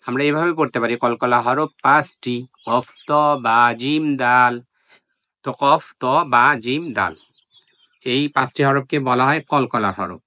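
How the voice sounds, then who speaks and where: A man's voice: mid-range voice, a little slow, pushed and bright, no echo. A man teaching Quran pronunciation at a whiteboard, patiently repeating drill syllables with an emphatic bounce. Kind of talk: whiteboard lesson on tajweed pronunciation.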